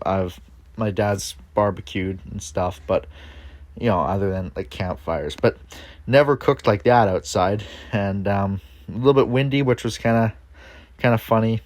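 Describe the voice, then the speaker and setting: Low-voiced guy rambling cheerfully outdoors. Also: darkish tone, no room sound. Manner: upbeat and rambling. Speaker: cooking vlogger. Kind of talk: casual chat while tasting food.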